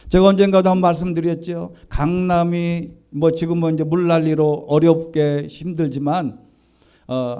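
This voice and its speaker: A middle-aged male pastor preaching with a high, smooth voice. His tone is mellow rather than bright, and he delivers the sermon earnestly, stopping to have the congregation repeat key phrases.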